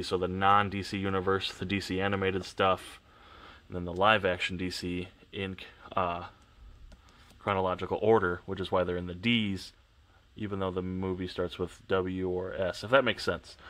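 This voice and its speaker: Sniffly and congested, a man with a deep, low voice walks casually through his home shelf collection as a vlogger. He rambles in a flat, even, offhand tone, frequently pausing to correct himself, and is filmed on a tripod-mounted camera.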